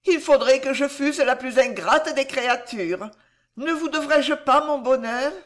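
A woman's voice: animated, takes it slowly. A reader voicing a heartbroken young woman in a storybook who sobs, pleads and cries out. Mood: emotional. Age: young adult. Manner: high-pitched, tearful, crying out. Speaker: storybook heroine. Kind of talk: dramatic audiobook reading.

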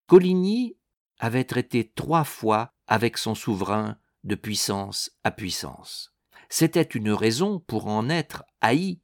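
A man giving a measured, emphatic scripted reading of a historical text as an audiobook narrator, slowing on stressed phrases. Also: lowish voice, sing-song, dry recording, clean studio sound.

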